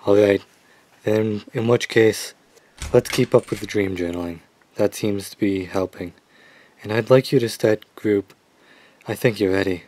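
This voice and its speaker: A man as Doctor Lovecraft, low, dark-voiced patronizing psychiatrist. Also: lightly acted. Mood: measured. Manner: measured, paternal, condescending. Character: male asylum doctor, patronizing, measured, quietly sinister. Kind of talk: radio drama acting.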